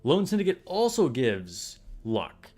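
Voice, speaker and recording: A man's voice: mid-range voice, wildly swooping pitch, takes it slowly, darkish tone, husky, soft background music. A man streaming a game, chatting casually with viewers in a laid-back, rambling way full of fillers. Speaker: gaming streamer. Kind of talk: casual live-stream chat.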